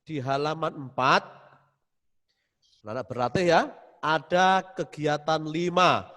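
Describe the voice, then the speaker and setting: Guy teacher on a video call, slow careful dictation to little kids, soothing, echo hanging in the room. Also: a little high, a bit bright. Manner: patient, soothing, repeats "ya" often. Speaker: religion teacher. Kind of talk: online class dictation to young pupils. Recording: roomy, long reverb.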